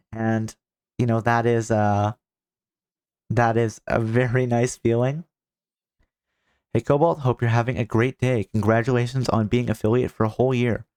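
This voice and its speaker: A man streaming live, reading out viewer messages in a soft, touched way and stumbling over his words as he repeats himself. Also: mid-range voice, dry recording, clean studio sound. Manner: halting, stammers and repeats words.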